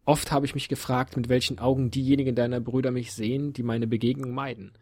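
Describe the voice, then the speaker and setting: A man reading a storybook audiobook, voicing a sorrowful, troubled human man with a husky voice and an earnest, questioning manner. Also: mid-range voice, little pitch movement, fast talker, a little mellow, no room sound, studio quality, lightly acted.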